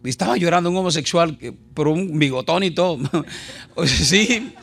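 Gravelly-voiced joking preacher man. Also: fairly high pitch, moderate pace, faint music behind. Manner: animated, jokey, shouts and laughs at times. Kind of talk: lively sermon with jokes and anecdotes.

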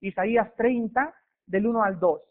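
A man's voice: high voice, unhurried. A man preaching an earnest, exhorting sermon, heard over a tinny radio line. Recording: tinny phone-like radio sound.

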